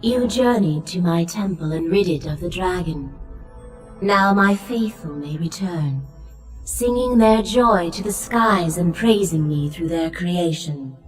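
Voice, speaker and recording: Commanding warrior goddess, low and distant. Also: female voice, lively intonation, measured pace, faint music behind. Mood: solemn, proud. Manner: commanding, stately, formal. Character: commanding warrior goddess of life and birds, solemn, merciful and terrible. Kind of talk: scripted video game voice acting.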